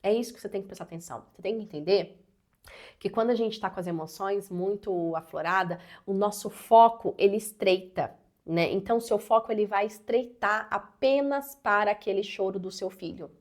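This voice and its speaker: A woman's voice: mid-range voice, a little fast. A woman in her thirties talking earnestly and personally as a parenting educator, with many casual fillers. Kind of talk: advice talk to camera.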